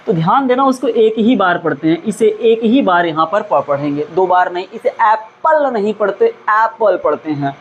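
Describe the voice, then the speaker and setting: High-voiced man teaching grammar, faint hiss. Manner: asks questions and answers them himself; repeats key words for emphasis. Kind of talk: classroom-style grammar lesson.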